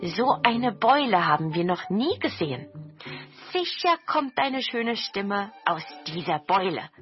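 A woman voicing a crowd of eager, flattering horned goblins in a storybook reading, with a high, loud, coaxing manner. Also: unhurried, lo-fi sound, faint music behind, natural voice.

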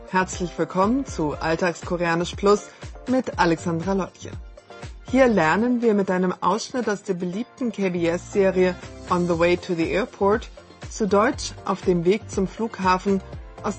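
A woman hosting a scripted radio language lesson, reading model phrases slowly and clearly. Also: mid-range voice.

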